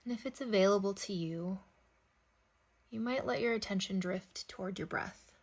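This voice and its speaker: Speaking gently and without hurry, a woman in a mid-range voice leads a guided meditation for sleep, leaving long pauses between her phrases.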